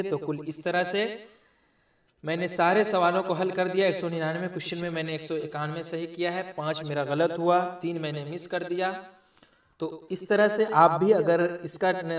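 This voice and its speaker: A man teaches an exam grammar lesson, patiently explaining each point and putting repeated questions to his listeners. His voice sits slightly higher than most men's. The sound is echoey and a little distant from the mic. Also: fairly even intonation, moderate pace. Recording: echoey room, voice somewhat off-mic.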